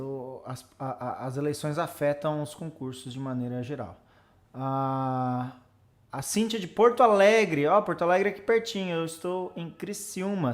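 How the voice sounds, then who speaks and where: A man from Brazil, tutoring exam students on a casual live stream and chatting through viewers' comments. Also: a little high. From Santa Catarina, Brazil.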